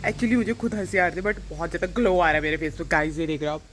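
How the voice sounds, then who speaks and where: A woman's voice: on the low side, fast, slight background noise. A woman, chatting in a rambling, casual way in a daily home vlog, often mixing in English phrases. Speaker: vlogger.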